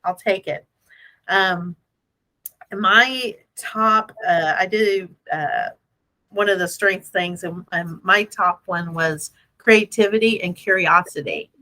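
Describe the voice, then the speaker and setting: A woman hosts a casual motivational business chat, animated, playful and self-deprecating, repeating phrases for emphasis. Her voice is lowish and slow, and the audio is poor.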